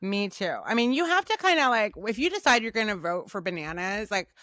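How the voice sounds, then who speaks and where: A woman's voice: medium pitch, sing-song, a little fast, bright, forceful tone, dry recording, clean studio sound. A young woman co-hosting a casual recap podcast, giving emphatic, opinionated takes. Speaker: podcast co-host.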